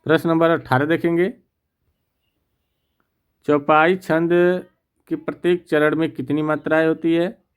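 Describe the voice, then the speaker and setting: A man with a fairly high voice talks slowly and patiently through a practice quiz. He reads out every option, then explains the answer in a steady, methodical way. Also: smooth. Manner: repeats "theek na" to check. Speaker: teacher. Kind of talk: exam practice lesson.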